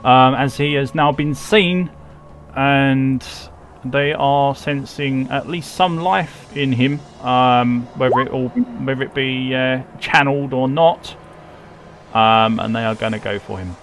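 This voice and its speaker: A man's voice: medium pitch, slow pace, a bit bright, slight background noise. A man running a tabletop game as game master, narrating in a hesitant way as if thinking aloud. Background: music.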